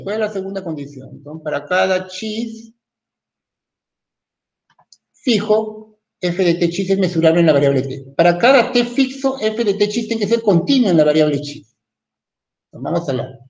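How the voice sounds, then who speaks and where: A man's voice: high-pitched, lively intonation, normal speed, a little mellow, muffled recording. A man teaching a recorded university math lecture in in, thinking aloud and often stopping to ask "¿no?".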